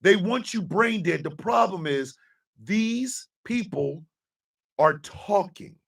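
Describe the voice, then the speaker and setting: A man in his fifties hosting a live stream, ranting with profanity and often breaking into shouts. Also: high-pitched, animated, slow, gravelly, breathy edge, distant mic. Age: 50s. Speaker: host.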